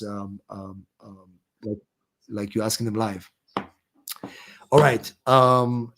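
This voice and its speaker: Answering viewer questions on his live stream, a middle-aged immigration lawyer with an Israeli accent speaks at medium pitch. He keeps things relaxed and conversational, frequently restarting sentences and pausing on fillers.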